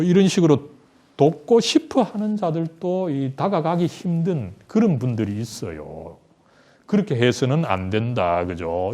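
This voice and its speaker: Lively, mellow-voiced Korean male teacher. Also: fairly high pitch. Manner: conversational, tag question after nearly every sentence. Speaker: Bible study teacher.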